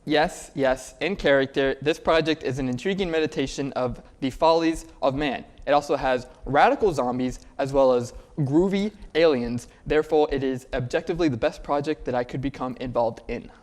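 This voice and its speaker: A man's voice: medium pitch, normal speed, hardly any pauses, lightly acted. A man playing a pompous, indignant alien soldier in a comedy interview, stilted and condescending toward humans. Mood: haughty disdain. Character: pompous, indignant male alien soldier disdaining Earth people. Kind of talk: comedy sketch interview in character.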